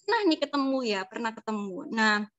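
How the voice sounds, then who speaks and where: A woman with a somewhat high voice speaks on an academic panel. She talks conversationally, drawing on personal anecdotes. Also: lively intonation, brisk, fairly bright tone, highs cut off. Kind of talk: casual academic discussion.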